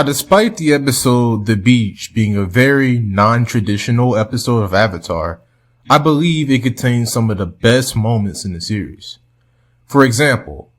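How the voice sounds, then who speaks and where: A man's voice: medium pitch, fairly bright tone. Young man chuckling through a commentary. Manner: chuckles while talking. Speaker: video host. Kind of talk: casual commentary.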